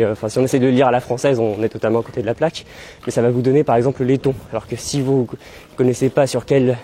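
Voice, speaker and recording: Strolling city streets with a handheld camera, a young language-learning video host rambles casually to viewers. His voice is mid-range and mellow, with slight background noise in the recording.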